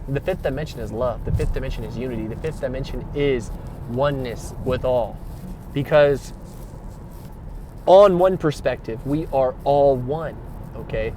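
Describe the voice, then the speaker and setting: A man's voice: mid-range voice, normal speed, darkish tone, a little hiss or hum. A man giving a rambling spiritual monologue, slangy and emphatic, repeating himself and swearing freely, with rhetorical questions. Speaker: spiritual vlogger.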